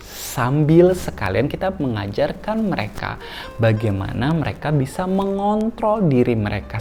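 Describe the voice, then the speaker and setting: Mellow-voiced man explaining child therapy. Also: mid-range voice. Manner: calm, explanatory, with slow singsong demonstrations. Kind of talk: instructional talk for parents.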